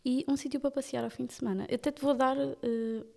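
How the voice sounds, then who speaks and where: A young woman, hosting a podcast and asking chatty, quick questions. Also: sits high, fairly even intonation, creaky, darkish tone. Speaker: podcast host. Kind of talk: casual podcast interview.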